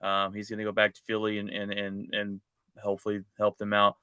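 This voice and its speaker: A man's voice: fairly low pitch, monotone, fairly quick, bright, forceful tone, clear, resonant tone, no room sound, clean studio sound. A man hosting a sports podcast in casual chat, talking conversationally and often restarting his phrases. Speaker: podcast host.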